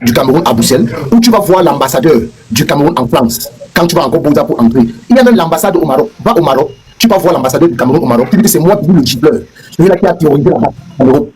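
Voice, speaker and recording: Fast, high-voiced taunting man in a live debate. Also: lively intonation, darkish tone, rough recording. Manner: taunting, repeats phrases over others. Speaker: debate participant. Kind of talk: heated live online debate.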